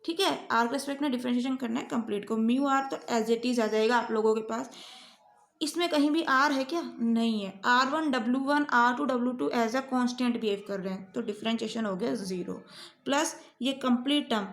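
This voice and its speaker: Woman maths teacher, high voice, echoey room, walks through each step and quizzes the class. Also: moderate pace. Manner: explains step by step, often asks students questions. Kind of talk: whiteboard maths lecture.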